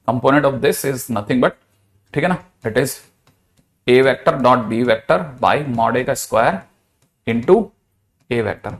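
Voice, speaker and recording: A man, a physics teacher giving a chatty, playful lecture. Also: mid-range voice. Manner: chatty, playful, with mixed Hindi-English math terms.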